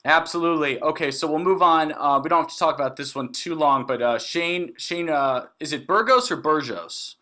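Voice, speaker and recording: A man co-hosting a casual sports podcast, animated and prone to hesitant restarts as he leads each segment. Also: a little high, fairly quick, hardly any pauses. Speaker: podcast co-host.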